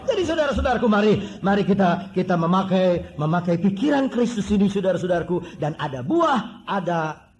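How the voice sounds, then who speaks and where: A man preaching a sermon, animated and joking, with mimicked voices and whistle sounds. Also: high voice, fairly quick, slight background noise. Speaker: pastor.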